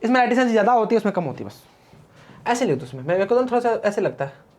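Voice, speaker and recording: A man's voice: high voice, very animated, rapid-fire, slight background noise. A man teaching physics in a casual classroom lecture, chatty and teasing as he talks straight to his students and wanders off into playful rhymes.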